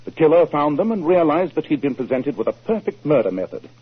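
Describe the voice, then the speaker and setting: In a 1940s radio drama performance, a man plays a shrewd, self-assured English detective, incisive and deliberate. His voice is husky, a little high and sing-song, with wide inflection, and his musing, assured delivery comes across as authoritative and deductive. The recording has the muffled sound of a 1940s radio broadcast.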